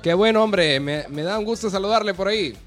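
Honduran male radio host, high voice, chatty call-in manner. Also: a little fast, soft background music. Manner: friendly, chatty, greets callers warmly. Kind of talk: live radio call-in chat.

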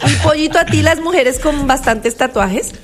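Lively woman host, somewhat high voice. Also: normal speed, over music. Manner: lively, leads the conversation with questions. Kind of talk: casual chat.

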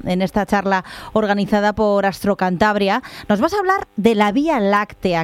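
Radio host woman, mid-pitched. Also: a little mellow, dry recording. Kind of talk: radio interview hosting.

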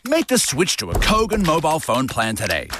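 A man voices a tongue-in-cheek radio-style advert with a deadpan manner. His pitch moves very widely, and there is clear noise with clicks on the recording. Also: brisk. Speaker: advertising voice-over. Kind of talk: scripted comedic ad narration.

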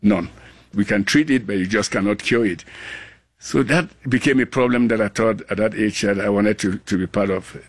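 Earnest and halting, a Cameroonian global health scientist in his sixties restarts frequently as he speaks in a conversational interview. His voice runs on the low side, and the recording is dry.

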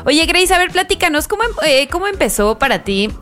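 A woman's voice: high voice, big pitch swings, fairly quick, a bit bright, soft background music. A woman hosting a radio show, effusive and enthusiastic as she introduces her guest. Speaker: radio host.

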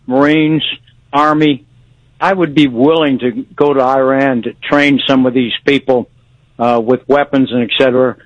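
A man in his seventies calling in to a radio show over a phone line, talking in a halting way with repeated words and restarts. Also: mid-range voice, no echo. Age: 70s. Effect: caller heard over a phone line on a radio show. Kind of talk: casual call-in chat.

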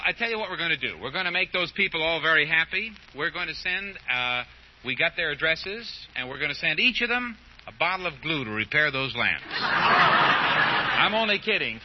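Male game show host, jovial and bantering, slightly high voice; 1950s broadcast disc, muffled, faint hiss. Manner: jovial, joking, quick follow-up questions. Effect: old broadcast transcription disc. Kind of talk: bantering audience-show interview.

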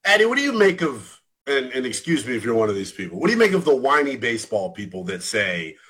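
A man's voice: mid-range voice, big pitch swings, quick pace, a bit bright, husky, poor audio. A man in his twenties hosting a late-night sports radio show, asking long rambling questions that he corrects as he goes. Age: 20s.

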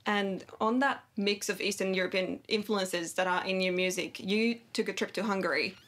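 A woman hosting a radio interview, asking steady, measured questions. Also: medium pitch.

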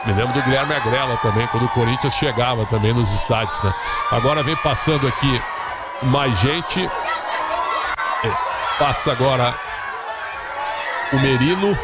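A Brazilian man working as a sports broadcast commentator ad-libs live running commentary as a team leaves its hotel, using frequent tag questions. His mid-range voice moves at a moderate pace with frequent pauses. A loud outdoor crowd fills the background with noisy urban ambience.

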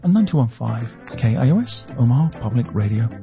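A male radio host reads a scripted promo at a middle pitch, coming through a tinny clock radio. The sound is dull and lo-fi, and clear guitar music plays underneath. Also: very animated, a little fast.

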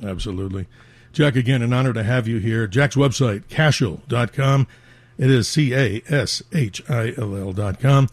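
A man's voice: mid-range voice, normal speed, a little mellow, no echo. A man hosting a talk radio show with an effusive, promotional announcer delivery, speaking into a studio microphone. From New York metro area.

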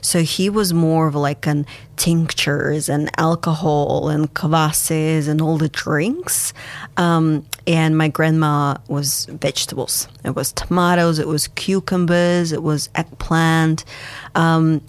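A woman's voice: deep voice, steady tone. A woman from Kazakhstan whose first language is Russian, a guest on a radio show, talking about fermentation with enthusiasm and frequent laughs. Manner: warm, enthusiastic, unhurried, laughs often. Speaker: studio guest, fermentation expert. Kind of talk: radio interview.

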